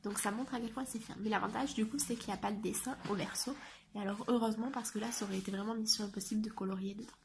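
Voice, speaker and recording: A woman reviewing a coloring book in a soft, often half-whispered voice, hesitant and chatty. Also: mid-range voice, steady tone, very fast, vocal fry, background noise. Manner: hesitant, with frequent fillers.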